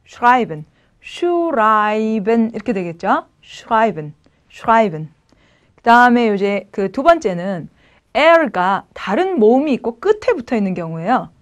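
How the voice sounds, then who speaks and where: A woman teaching German pronunciation to Korean learners, patiently saying each word slowly and then repeating it. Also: medium pitch. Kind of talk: pronunciation lesson.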